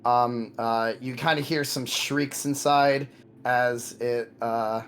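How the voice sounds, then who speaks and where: A man narrating a tabletop game as game master, improvising haltingly and often repeating words. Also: medium pitch, steady tone, fairly bright tone, slight background noise. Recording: background music under voice.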